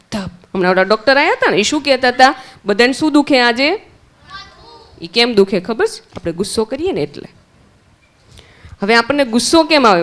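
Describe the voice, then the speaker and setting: A woman from Gujarat, India, with a Gujarati accent teaches young children at a summer camp, asking them questions and answering them herself. Her voice is a little high with a fairly bright tone.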